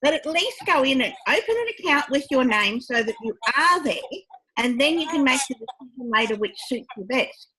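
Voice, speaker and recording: A woman author on a panel discussion, giving steady, practical advice. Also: a little high, rough recording.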